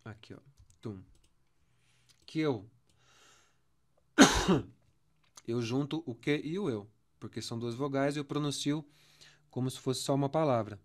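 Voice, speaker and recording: Speaking at a measured pace with long pauses, this mid-range male voice belongs to a music teacher with a Brazilian Portuguese accent. During his songwriting lesson he counts syllables aloud and draws out words.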